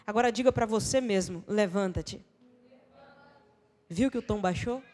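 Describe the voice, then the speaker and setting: A high-pitched woman with a Brazilian accent preaches a dramatic sermon, swinging between shouts and hushed tones. She acts out the quoted dialogue as she goes. Her voice rings with the long reverb of a church hall. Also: fast talker. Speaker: pastor, missionary preacher.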